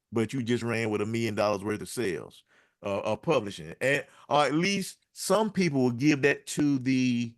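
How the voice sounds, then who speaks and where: A man's voice: mid-range voice, no echo. Rambling man talking shop, dry sound. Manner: rambling, loose, addresses audience as y'all. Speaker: music producer and panel speaker. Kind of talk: casual panel talk.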